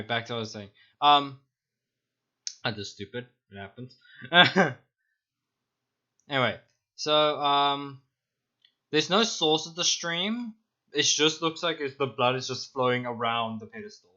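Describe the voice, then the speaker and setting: Young man running a tabletop game, bright-toned. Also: medium pitch, unhurried, pauses often, dull audio. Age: young adult. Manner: loose, rambling, self-mocking. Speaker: dungeon master. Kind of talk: narrating a tabletop game on stream.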